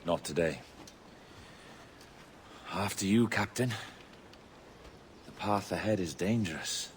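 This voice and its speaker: An actor playing an enigmatic male pirate captain in a video game cutscene, measured and cultured. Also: sits low, animated, slight background noise. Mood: cryptic. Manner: measured, cultured, quietly cryptic.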